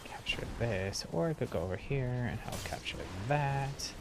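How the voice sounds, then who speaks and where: A man's voice: medium pitch, lively intonation, normal speed, noisy background. A man streaming a game, chatting casually and laughing at his own mistakes. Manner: laid-back, laughs often, self-deprecating. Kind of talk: casual gameplay commentary. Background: game music.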